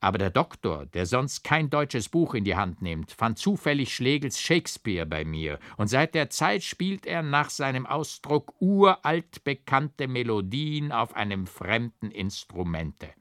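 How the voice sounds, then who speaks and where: A man reading a classic literary tale as an audiobook, with expressive, rhythmic storytelling. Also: mid-range voice, unhurried, few pauses, dry recording, studio quality. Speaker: audiobook reader.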